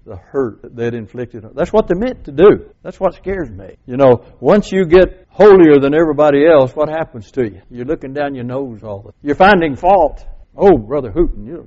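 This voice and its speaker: A man's voice: mid-range voice, a little mellow, dull audio. A man, preaching a sermon in a folksy way and asking the congregation questions. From West Texas. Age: 70s. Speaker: pastor.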